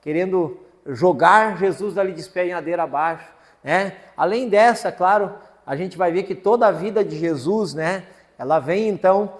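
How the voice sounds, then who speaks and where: Long hall reverb fills the church as this pastor, high-pitched and moderately paced, preaches. His sermon centers on a family story told in a homey, folksy way, with frequent tag questions.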